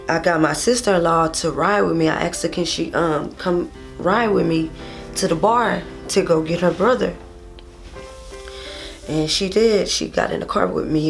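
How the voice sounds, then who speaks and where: A woman's voice: lowish voice, gravelly. A young woman telling a personal story on her vlog, rambling and repeating herself as she recounts a painful memory. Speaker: vlogger. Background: faint guitar music.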